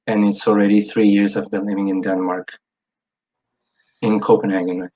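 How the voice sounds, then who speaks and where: Hesitant low-voiced man, lo-fi. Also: level tone, normal speed, dark tone, husky. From Italy. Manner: hesitant, many fillers and restarts. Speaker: interview guest. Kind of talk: casual interview. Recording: dull lo-fi sound.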